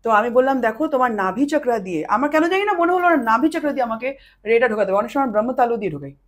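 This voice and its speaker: A woman with a fairly high, hoarse voice from a long day of talking, recorded on a podcast mic. She explains in a lively, expressive way and swings between a bright, emphatic tone and a slow, hushed murmur. Her delivery stays conversational and earnest throughout. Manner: explains animatedly, drops to a slow soft voice when showing trance speech. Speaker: past life regression practitioner. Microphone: podcast studio mic.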